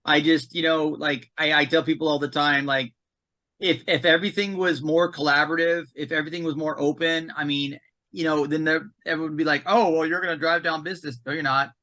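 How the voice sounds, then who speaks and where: Bright, high-voiced emphatic man. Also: a little fast. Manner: emphatic and animated, repeats words. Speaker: commissioning consultant, podcast guest. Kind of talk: casual podcast conversation.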